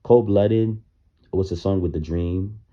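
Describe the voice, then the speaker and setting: A man's voice: deep voice, slow pace, warm tone. A man giving casual, opinionated commentary on music, talking loosely with plenty of fillers, in his morning voice. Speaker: music reaction vlogger. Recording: dull lo-fi recording.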